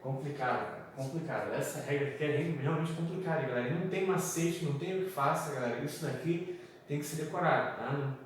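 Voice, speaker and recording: Chatty Brazilian teacher in echoey room. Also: male voice, a little high, quick pace, recorded from a distance. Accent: Brazilian Portuguese. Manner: chatty, repeats "galera" and "tá?". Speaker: English teacher. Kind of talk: slide-based lesson. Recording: echoey room, voice off-mic, faint background noise.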